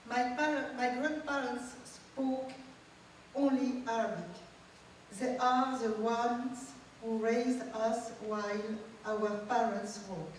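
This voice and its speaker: A woman, reading a personal memoir aloud as a guest speaker in a measured, reflective way. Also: fairly high pitch, fairly even intonation, a little hiss or hum. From Tunisia. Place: large event hall. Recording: echoey hall, distant mic.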